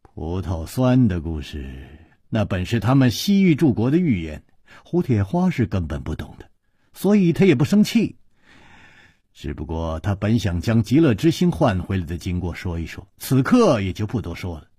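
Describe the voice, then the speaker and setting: A man narrating a story in an animated, dramatic radio storytelling style. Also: on the low side, moderate pace, slightly rough, dry recording, studio quality.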